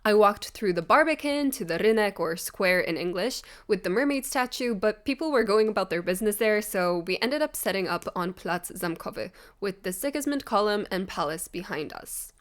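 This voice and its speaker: A bubbly woman vlogger narrates her travels and reads a sponsor spot in a chatty, upbeat way. Her voice sits at an average pitch for a woman. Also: lively intonation, moderate pace, few pauses. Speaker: vlogger and street interviewer. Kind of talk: casual vlog narration and street interviews.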